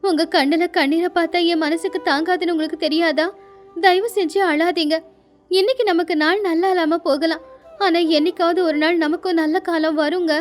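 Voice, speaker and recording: A woman plays a devoted young wife in a storybook tale, her voice very high and gentle. She speaks soothingly and pleads softly. Faint music runs under her. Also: steady tone, fairly quick. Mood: tender, soothing. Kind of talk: storybook voice acting.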